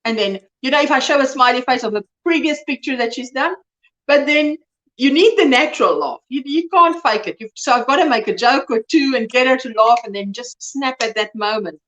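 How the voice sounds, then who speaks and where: A woman's voice: high voice, fairly quick, fairly bright tone. A woman in her early fifties hosting a live crochet chat. She talks casually, reads and answers viewers' comments, and laughs often. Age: 50s.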